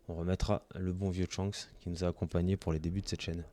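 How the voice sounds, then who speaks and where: Low-voiced man gushing over card pulls. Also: flat delivery, quick pace, warm tone. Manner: lists card names, gushes with delight. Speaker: trading card channel host. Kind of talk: casual card-opening commentary.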